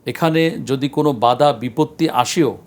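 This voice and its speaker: A man, a scholar guest on a religious talk show, speaking in an earnest, measured lecturing way with frequent pauses. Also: mid-range voice. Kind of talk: studio discussion on a religious show.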